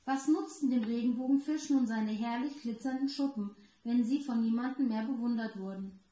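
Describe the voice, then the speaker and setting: A daycare educator, a woman, reading a children's story aloud slowly and clearly. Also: a little high, mellow. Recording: roomy echo.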